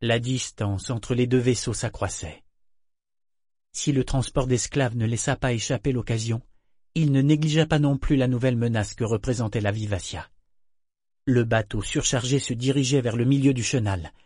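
A man giving a measured, scripted audiobook narration on a close studio mic. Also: mid-range voice, darkish tone, no room sound.

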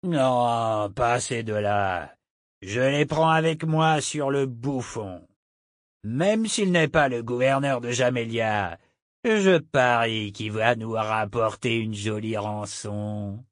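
Casting: male narrator as a menacing, jovial pirate captain, unhurried and sarcastic. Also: mid-range voice, dry recording, studio quality, lightly acted. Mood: drawling. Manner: sarcastic, drawling.

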